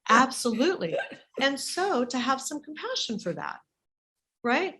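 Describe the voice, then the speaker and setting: A woman guest speaking over a video call, animated and emphatic, often repeating words to stress a point. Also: sits high, a little slow. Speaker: guest, business author. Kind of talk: casual interview chat.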